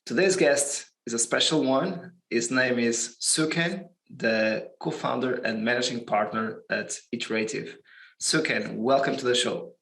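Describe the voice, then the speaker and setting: A man's voice: medium pitch, measured pace, vocal fry, a bit bright, poor audio. A man hosting a business podcast, asking questions with fillers and repeated words. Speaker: podcast host. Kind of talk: podcast interview.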